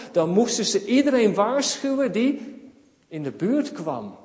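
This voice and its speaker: A man gives a children's sermon in a church, telling the story and acting out the cries of the people in it. His voice sits high for a man, and he keeps turning to the children with questions. The sound rings through a large, echoey hall with a long reverb tail. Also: a little mellow. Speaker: preacher.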